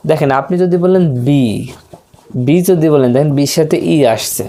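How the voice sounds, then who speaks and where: Male teacher, mellow voice, patient drilling lesson, keeps repeating letters for the class. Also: fairly high pitch, moderate pace. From Bangladesh. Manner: asks rhetorical questions, drills pronunciation by repetition. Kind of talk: grammar lesson for beginners.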